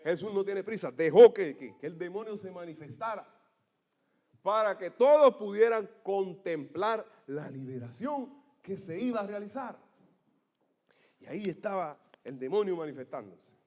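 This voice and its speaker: A man preaches with a fairly high voice, telling a story with theatrical energy. He swings from hushed asides to ringing shouts and keeps asking the congregation for their amens. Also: lively intonation, moderate pace. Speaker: pastor. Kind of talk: sermon.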